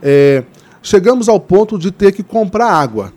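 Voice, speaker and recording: A man's voice: sits high, sing-song, measured pace, darkish tone. A man giving interview answers as a guest, earnest and hesitant with many fillers, growing impassioned as he speaks. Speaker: interview guest, Green Party member organizing a river cleanup.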